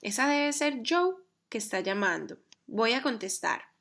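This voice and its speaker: A woman teaching a grammar lesson, explaining carefully and reading example sentences slowly. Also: on the high side, big pitch swings, gravelly, fairly bright tone. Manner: measured, reads English examples slowly and carefully. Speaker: English teacher.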